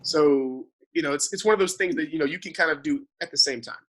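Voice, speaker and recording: On the high side and fast-talking, this financial advisor walks through money matters in a relaxed conversation. He speaks animatedly in long explanatory runs, regularly checking in with "right?".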